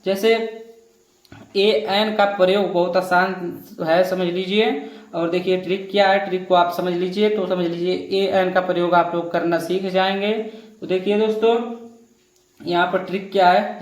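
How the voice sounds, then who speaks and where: A man's voice: high-pitched, roomy sound, poor audio. A man teaching a grammar lesson, explaining rules step by step and repeating himself while addressing viewers as friends.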